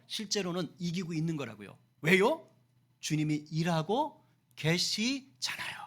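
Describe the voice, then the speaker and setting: High, bright-voiced male pastor preaching. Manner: animated preaching with acted-out quotes and rhetorical questions. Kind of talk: sermon.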